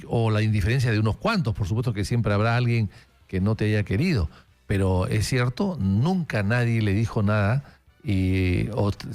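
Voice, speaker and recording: Radio host, halting anecdotes. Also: male voice, on the low side, darkish tone. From Peru. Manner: conversational anecdotes, frequent fillers. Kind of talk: political interview.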